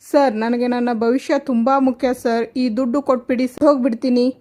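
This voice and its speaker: A young businessman suitor, smooth and evasive, who is really after money, as a woman narrator reads him. The voice is high and plain, delivered as a straight storytelling read. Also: little pitch movement, brisk, darkish tone.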